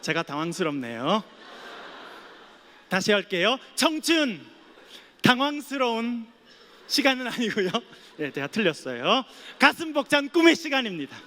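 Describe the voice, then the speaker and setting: Male pastor, very high voice, playful sermon, long chapel echo. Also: sing-song, normal speed, sharp tone. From Geoje island, South Korea. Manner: playful, jokes with the audience. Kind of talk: sermon with humorous storytelling. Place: seminary chapel.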